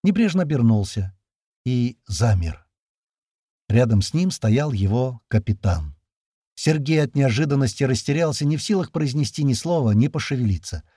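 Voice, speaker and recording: Husky-voiced male audiobook narrator. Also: medium pitch, expressive, moderate pace, dark tone, no room sound, studio quality. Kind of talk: scripted narration.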